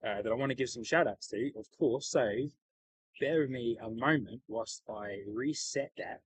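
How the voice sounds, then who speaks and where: A man's voice: medium pitch, normal speed, slightly rough, rough recording. Man with a broad Kiwi accent. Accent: broad New Zealand. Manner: upbeat, matey, enthusiastic. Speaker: livestream host. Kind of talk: casual livestream chat. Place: outdoors beside an airport.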